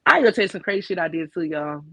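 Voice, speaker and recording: A woman's voice: low voice, very fast, pushed and bright, no room sound, rough recording. Co-host, woman, chatty and blunt, recorded dry with no room sound. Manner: candid, profane storytelling with lots of fillers. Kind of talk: casual chat.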